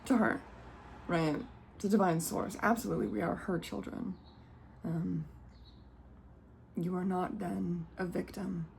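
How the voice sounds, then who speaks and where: A woman's voice: fairly low pitch, steady tone, a little slow, gravelly, long pauses, darkish tone, slight background noise. A woman giving a casual spiritual card reading, rambling and breaking off mid-sentence, often laughing to herself. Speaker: tarot reader.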